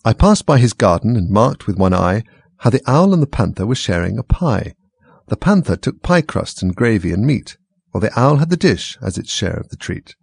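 A man's voice: fairly low pitch, sing-song, normal speed, creaky, a little mellow, slightly rough, no echo, heavily acted. A man voicing Alice, a curious, polite young girl with a prim, earnest way of speaking. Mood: timid recital.

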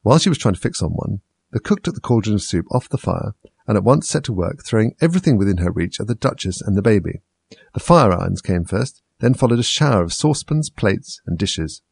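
A man reads a children's story aloud in a low, gravelly voice with a husky edge. His intonation rises and falls with lively movement. The sound is close and dry. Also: brisk, dry recording. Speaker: narrator. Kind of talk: audiobook story reading.

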